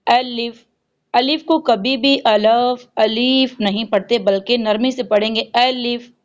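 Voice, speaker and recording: A woman with a slightly high voice leads a recitation lesson, explaining each rule patiently. She slowly stretches out the recited words as examples. The recording sounds dull and lo-fi. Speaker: Quran recitation teacher.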